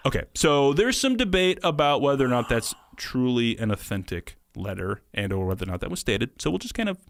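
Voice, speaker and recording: A man's voice: medium pitch, very animated, a little fast, no room sound. Man, podcast co-host, wry and hedging, dry close mic. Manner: wry, hedging, laughs at own claims. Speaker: podcast co-host presenting a theory. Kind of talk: casual podcast chat.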